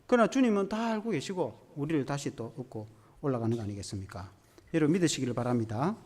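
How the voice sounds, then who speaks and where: Male pastor, animated sermon storyteller, lively delivery in a reverberant church sanctuary. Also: on the high side. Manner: animated storytelling, acting out quotes. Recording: long church hall reverb.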